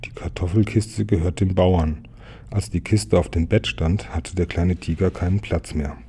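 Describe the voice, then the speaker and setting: A man calmly reading a children's story aloud. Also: low voice, normal speed, breathy edge. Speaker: storybook reader.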